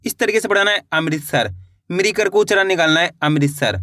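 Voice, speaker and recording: A man's voice: high voice, steady tone, fast, sharp tone, no echo, studio quality. A man teaching Hindi reading, sounding words out syllable by syllable, blending them, and checking that his viewers follow. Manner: addresses viewers as friends, checks understanding. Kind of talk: step-by-step phonics lesson.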